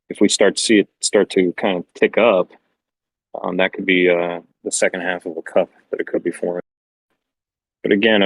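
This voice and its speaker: Male stream host, low husky voice, cautious chart talk, dry close sound. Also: dry recording, low-quality recording. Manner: measured, hedging, with restarts. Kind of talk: live stream chart commentary.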